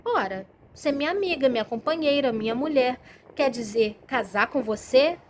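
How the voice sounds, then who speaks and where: A woman's voice: sits high, animated, normal speed, noisy background. A woman voicing a courteous male frog in a fairy tale reading. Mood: polite. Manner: courteous, patient. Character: hoarse-voiced polite male frog.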